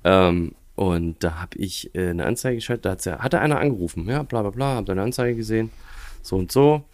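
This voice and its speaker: A low-voiced man who runs a tiling business chats on a podcast. He talks in a halting way and keeps restarting his sentences. The sound is dry and close. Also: animated, a little mellow, no echo. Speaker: guest, tiling business owner. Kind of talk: casual podcast chat.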